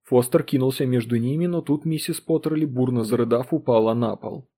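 A man narrating a science fiction audiobook with steady, dramatic storytelling. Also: mid-range voice, a little fast. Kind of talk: scripted narration.

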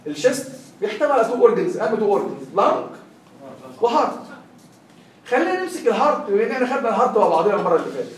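This high-pitched young tutor, speaking with an Egyptian accent, lectures a class and quizzes the students with constant questions. The recording is echoey and distant, with a little hiss or hum.

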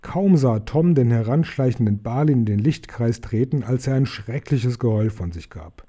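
Male storybook reader, calm and measured, very dark mellow tone. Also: mid-range voice, slightly rough. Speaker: audiobook reader. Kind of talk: storybook reading.

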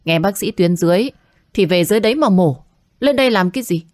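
A woman's voice: medium pitch, lively intonation, fast talker, a little mellow, dry recording, studio quality, lightly acted. A woman voicing a brusque hospital doctor. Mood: curt. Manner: brusque, impatient. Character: curt, dismissive older hospital doctor.

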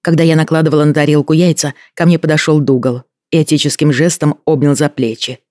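A man reading a novel aloud as scripted first-person narration, in a measured, even manner. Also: a little high, dry recording, clean studio sound. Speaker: audiobook narrator.

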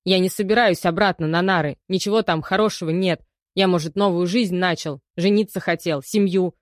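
A woman reading the part of a defensive male ex-convict under questioning, loud and grumbling. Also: lowish voice, fairly even intonation, fairly quick, no room sound, studio quality, lightly acted. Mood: defiant protest.

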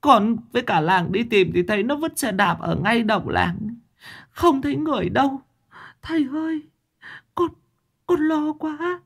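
A woman's voice: fairly high pitch, expressive, a little slow, creaky, breathy edge, pitched above the performer's own voice, exaggerated voice. A man voicing a distraught middle-aged village mother who pleads through tears in a ghost story. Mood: sobbing, pleading. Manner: wailing, tearful pleading.

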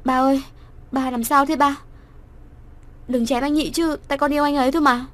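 A woman voicing a frightened young daughter who pleads loudly. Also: fairly even intonation, a little fast, close to an everyday voice. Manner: high, loud pleading.

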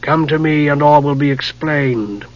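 A man voicing a menacing old male archmage with a dry, rasping voice, soft and slow. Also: fairly high pitch, dull audio, close to an everyday voice. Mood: cold.

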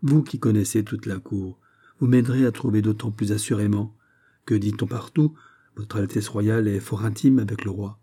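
A man's voice: fairly low pitch, steady tone, normal speed, mellow, slightly rough. A man voicing an earnest young nobleman in love in an audiobook, speaking firmly and respectfully. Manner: firm, respectful, grave. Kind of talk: audiobook character reading.

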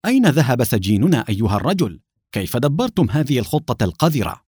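A man reading aloud, voicing an angry, stern male police officer with a harsh, booming manner. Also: very animated, fairly quick, a little mellow, no room sound, clean studio sound.

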